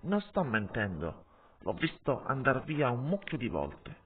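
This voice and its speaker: A man's voice: medium pitch, wildly swooping pitch, measured pace, a little hiss or hum. A man voicing a nervous young wolf who tells on another, eager and defensive, in an audiobook with tinny sound. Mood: tattling.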